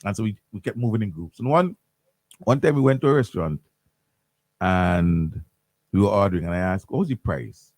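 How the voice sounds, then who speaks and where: Man, radio host, lively husky rant, dry studio sound. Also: on the low side, normal speed, pauses often, no room sound. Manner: animated, repetitive ranting with stammered restarts. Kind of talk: morning radio talk.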